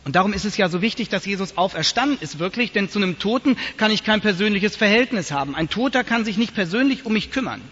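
High-voiced preacher in a reverberant church. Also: male voice, fast, few pauses, breathy edge. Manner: animated storytelling preacher. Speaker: pastor. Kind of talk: sermon. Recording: dull lo-fi sound, long church reverb.

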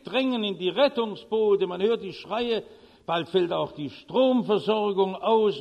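A man's voice: sits high, in a large hall. A male preacher giving a sermon, telling vivid stories and delivering urgent warnings.

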